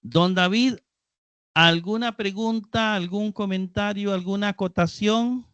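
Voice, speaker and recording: A man's voice: sits high, fairly even intonation, measured pace, fairly bright tone, clear, resonant tone, dry recording, lo-fi sound. A man teaching a live Greek class, explaining patiently and repeating key terms. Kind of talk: live online class lecture.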